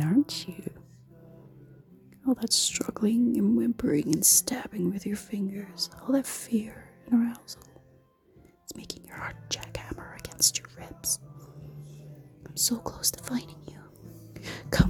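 A woman voicing a seductive, menacing female succubus in an erotic audio roleplay, in a slow, teasing, commanding whisper. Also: mid-range voice, expressive. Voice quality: soft, breathy whisper.

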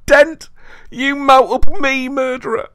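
A vengeful male spirit, reborn again and again,. His rasping voice sits far above an ordinary speaking pitch, strained and unnatural in tone, hissing and menacing. Captured in a dry, close recording with no room sound. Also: animated, unhurried, fairly bright tone, no room sound. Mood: ranting. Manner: menacing, rising to bellowing shrieks. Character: vengeful reincarnated male spirit, hateful and ranting. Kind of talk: audiobook character voice.

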